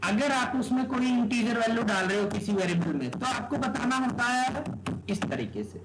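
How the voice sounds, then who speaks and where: High-voiced male teacher quizzing his class. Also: expressive, moderate pace. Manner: quizzes students with rhetorical questions, keeps checking "okay?". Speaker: programming teacher. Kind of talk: live classroom lecture. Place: classroom with students. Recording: echoey room with background noise.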